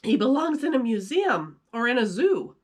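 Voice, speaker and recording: A woman voicing a kindly, goofy cartoon dog father with a folksy, soft-hearted manner in a storybook reading. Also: fairly high pitch, sing-song, moderate pace, voice pushed up. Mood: doubtful.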